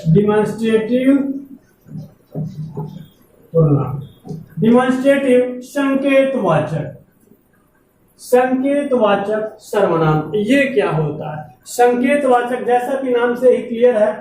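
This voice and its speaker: Woman teaching grammar, slow and repetitive, spells out examples word by word, faint hum behind her. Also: on the high side, lively intonation, a little mellow. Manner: slow, repeats terms, dictates examples word by word. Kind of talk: classroom grammar lesson. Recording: very echoey room, voice far from mic, faint background hum.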